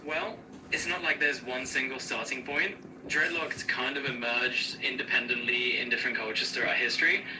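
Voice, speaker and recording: A man's voice serving as an AI co-host, answering questions in a smooth, upbeat, explanatory way with casual slang. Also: mid-range voice, steady tone, moderate pace, few pauses, recorded from a distance, background noise. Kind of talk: conversational Q&A co-hosting.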